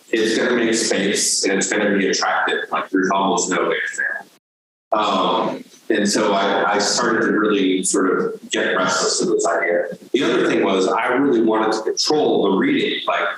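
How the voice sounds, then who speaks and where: A low-voiced man from Vermont speaks to an audience about his paintings, casual and loose, full of "like" and "um." He is heard from some distance in a strongly echoing hall, with a faint hiss of noise. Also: fairly bright tone. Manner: loose and conversational, many "like" and "um" fillers. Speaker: painter giving a lecture. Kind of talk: casual lecture. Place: lecture hall. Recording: very echoey hall, heard from far off.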